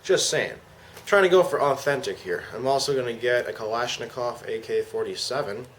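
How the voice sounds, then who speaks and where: A man's voice: mid-range voice, normal speed. A man giving a casual, slangy product demonstration as an amateur reviewer. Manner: informal, slangy. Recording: clear background noise.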